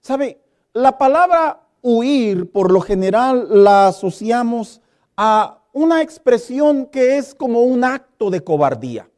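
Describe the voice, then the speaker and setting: High-voiced preaching man. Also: very animated, slow, darkish tone. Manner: emphatic preaching, rhetorical questions, acts out little dialogues. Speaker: pastor. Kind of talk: sermon.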